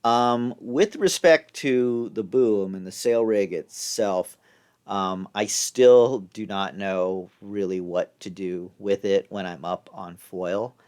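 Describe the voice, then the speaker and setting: A man narrating a casual vlog recap of his session, thinking aloud in halting pieces. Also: fairly low pitch, a little mellow, smooth. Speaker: vlogger.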